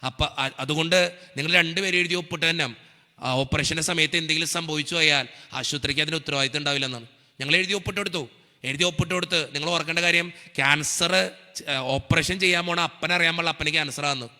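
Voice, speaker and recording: Fast, bright-voiced Malayali priest preaching. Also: male voice, a little high, fairly even intonation, long reverb tail. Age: young adult. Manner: earnest storytelling, acts out dialogue. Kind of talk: emotional sermon testimony.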